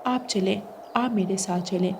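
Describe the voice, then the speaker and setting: A woman's voice: medium pitch, unhurried, creaky, a little mellow, slight background noise. A woman voicing a helpful female bulbul bird in a cartoon, reassuring and confident.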